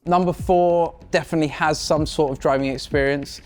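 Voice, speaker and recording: A man's voice: on the high side, fairly even intonation, a little fast. A man on a game show panel questions the contestants and weighs their stories with mild skepticism. He speaks in casual, everyday banter.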